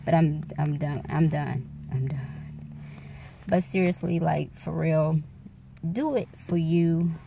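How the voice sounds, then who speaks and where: Low-voiced woman vlogging casually. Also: takes it slowly, creaky, dark tone, a little hiss or hum. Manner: rambling, candid, addresses viewers as y'all. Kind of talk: casual chat to camera. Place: dark room at night. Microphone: phone camera held close.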